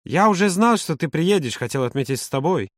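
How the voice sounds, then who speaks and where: A man voicing a lively, teasing young man in an audiobook, pitched higher than his narration. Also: brisk, dry recording, studio quality, close to an everyday voice. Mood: easygoing. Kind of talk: audiobook character voice.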